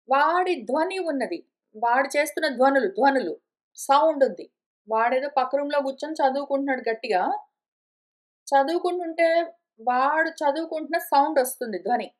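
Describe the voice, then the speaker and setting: Woman, high voice, scripture lesson, chatty explaining, slows for recited verses. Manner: conversational, repeats and rephrases points, slows to recite verses. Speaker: teacher of scripture.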